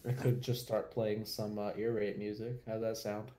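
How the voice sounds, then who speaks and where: Chill guy ribbing his friend on stream, mellow voice, a bit of hiss. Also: lowish voice, little pitch movement, normal speed. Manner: teasing, crude jokes, laid-back. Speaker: co-player friend. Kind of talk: casual gaming chat.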